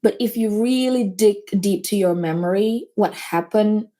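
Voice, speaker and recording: As a guest in an informal interview, a woman who runs a business talks in an earnest, motivational way, her grammar slipping slightly in a non-native manner. Her medium-pitched voice is warm and unhurried.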